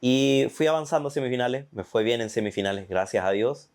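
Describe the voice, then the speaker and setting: A young man with a Chilean accent giving an earnest, animated personal faith testimony. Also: mid-range voice, fairly quick. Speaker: testimony guest.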